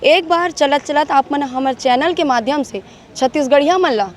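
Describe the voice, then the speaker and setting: A man's voice: very high voice, moderate pace. A man with a Chhattisgarhi accent, interviewing an elder and putting his questions in a respectful, deferential way.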